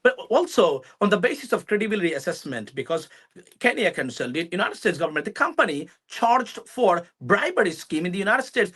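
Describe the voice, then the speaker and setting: Male interviewer, somewhat high-pitched, conversational, stumbles and doubles back over his phrasing. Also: big pitch swings, a bit bright, husky. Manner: halting, searching for words, repeats himself.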